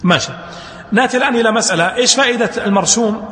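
In a reverberant, big-room recording, a male teacher lectures his class in a very high, fairly bright voice at a racing pace. He asks students questions and answers them himself, mixing colloquial Gulf Arabic with formal speech.

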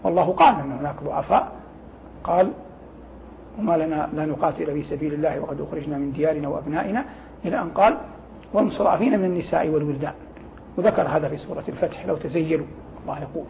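Over a thin, phone-like line with faint noise, a religious scholar guesting on a programme teaches scripture in formal Arabic. His voice is on the high side with vocal fry, and he recites quotations, stopping now and then to explain phrases in a didactic way.

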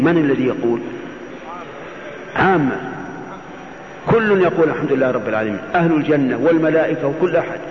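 A man teaching as a religious scholar, giving Quran commentary in classical Arabic and often posing questions that he then answers. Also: on the high side. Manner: didactic, poses questions and answers them. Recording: muffled, echoey hall, faint noise.

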